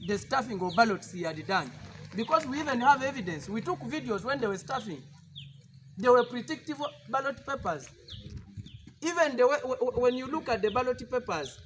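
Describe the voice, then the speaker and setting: Ugandan guy speaking at a press conference, high voice, fired up and defiant, keeps hammering the same lines. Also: fairly bright tone, a little hiss or hum. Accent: Ugandan English. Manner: emphatic, defiant oratory with repeated rallying lines. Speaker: party politician at a press conference. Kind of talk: political press statement.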